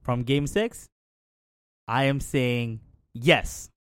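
A man's voice: mid-range voice, extremely slow, a bit bright, smooth, dry recording. Cocky man talking sports trash. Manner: confident, trash-talking, repeats "right?". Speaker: sports panelist. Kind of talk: casual sports talk.

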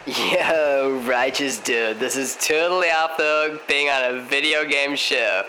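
A man's voice: medium pitch, unhurried, pushed and bright, a little hiss or hum, poor audio. A man playing a laid-back young male surfer guest, speaking in drawling surfer slang. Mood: stoked.

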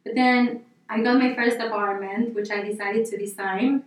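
A woman's voice: fairly high pitch, fairly even intonation, normal speed, distant mic. Argentine woman guest in an echoey room. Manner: rambling, casual, many fillers and restarts. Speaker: interior designer, guest. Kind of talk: podcast interview. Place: office.

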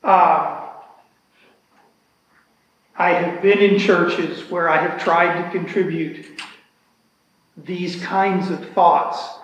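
A man leading a church Bible class discussion, speaking in a slow, earnest and reflective way. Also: sits high, fairly even intonation, a bit bright. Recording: echoey hall with long reverb.

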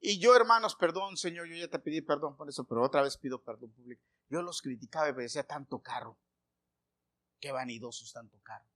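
Fast and barely pausing, a middle-aged pastor with a fairly high voice tells homely stories in his sermon, peppering the congregation with questions and shifting from loud calls to soft asides.

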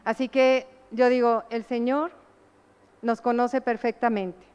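Woman preacher, higher pitch, smooth and clear, earnest sermon delivery, echoey hall on a dull lo-fi recording. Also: level tone, takes it slowly, a little mellow. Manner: earnest, asks the congregation rhetorical questions.

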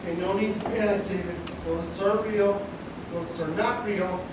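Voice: medium pitch, fairly even intonation, normal speed, lightly acted. An actor playing a nerdy, cowardly teenage boy with an anxious, dramatic manner in a comedy sketch. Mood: nervous. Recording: echoey, noisy, far from mic.

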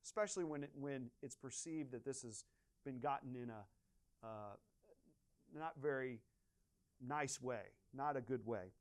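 A man's voice: mid-range voice, unhurried, pauses often. A man preaching a conversational sermon as pastor, asking his congregation questions and talking informally with fillers and restarts.

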